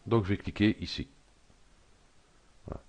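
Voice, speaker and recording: Middle-aged man, very low voice, hesitant screen-tutorial walkthrough, slightly hoarse throat. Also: steady tone, measured pace, a little mellow. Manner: hesitant, thinking aloud with many fillers. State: frog in his throat. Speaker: tutorial presenter. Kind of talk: screen-recorded software tutorial.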